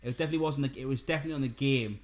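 A man's voice: mid-range voice, racing. Man, casual podcast co-host, roomy recording. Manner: chatty, repeats himself, frequent "aye". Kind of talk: casual film chat. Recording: roomy echo.

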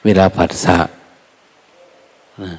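An older man, a Buddhist monk, giving a soft, unhurried Dharma talk with folksy quoted asides. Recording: long hall reverb.

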